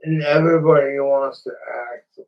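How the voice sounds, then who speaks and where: A man's voice: fairly high pitch, flat delivery, normal speed. A man hosting a late-night livestream, rambling and swearing while he fights the hiccups. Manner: rambling and profane. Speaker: livestream host. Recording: distant, muffled lo-fi stream audio.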